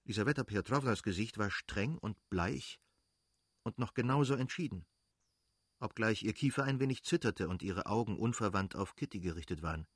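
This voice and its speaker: A man reading a literary novel aloud as narrator, measured and dramatic. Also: on the low side, expressive, slightly rough, no room sound, clean studio sound. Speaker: audiobook narrator.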